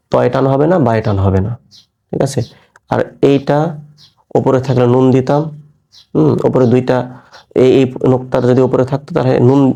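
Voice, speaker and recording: A man with a gravelly, mellow voice leads a Quran reading lesson. He talks slowly and patiently, spelling each letter and mark aloud. He keeps checking whether the listener follows. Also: mid-range voice. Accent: Bangladeshi Bengali. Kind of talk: step-by-step recorded lesson.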